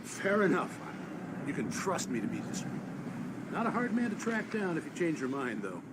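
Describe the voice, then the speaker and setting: A courteous old radio host in a video game. His voice is fairly high and lively in pitch, chatty and polite, with loud engine noise outdoors behind it. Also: normal speed. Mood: genial courteous. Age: older. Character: genial, courteous old male small-town radio host.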